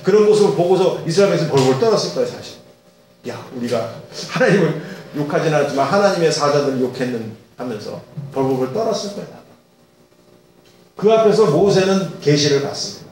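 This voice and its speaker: Animated pastor preaching. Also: male voice, fairly high pitch, quick pace. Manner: animated, rhetorical questions, acts out voices. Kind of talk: sermon. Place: church sanctuary. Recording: echoey church hall, distant mic.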